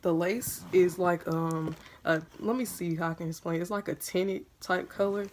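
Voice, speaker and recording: A woman's voice: fairly low pitch, moderate pace, a little mellow, a little hiss or hum. Chatty young woman. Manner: chatty, addresses viewers as "y'all", chewing gum. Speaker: beauty vlogger. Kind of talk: casual unboxing chat.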